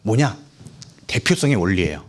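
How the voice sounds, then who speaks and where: A young man preaching a sermon to high school students, lively and full of questions to the listeners, acting out the voices of the people in the story. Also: normal speed, breathy edge. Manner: lively, acts out quoted voices, asks the audience questions. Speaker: youth preacher.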